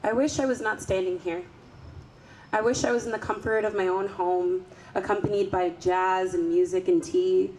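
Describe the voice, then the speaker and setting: A woman delivering a solemn prepared tribute speech at a rally, measured and earnest. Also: mid-range voice, steady tone, noisy background. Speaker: rally speaker.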